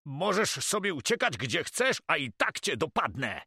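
A man voicing a loud, hot-tempered male pirate who blusters and swears by sharks in an audiobook. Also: mid-range voice, big pitch swings, slow, dry recording, clean studio sound, pitched above the performer's own voice, heavily acted. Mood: furious. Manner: blustering, shouts sea-themed curses. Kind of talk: audiobook character voice.

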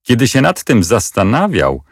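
A man narrating an audiobook in a measured, expressive storytelling manner. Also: medium pitch, husky, no room sound, studio quality.

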